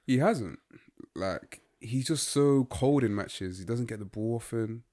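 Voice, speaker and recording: A man's voice: mid-range voice, unhurried, dark tone. A young man, co-hosting a casual football chat and rambling through his opinions with lots of fillers. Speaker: podcast co-host.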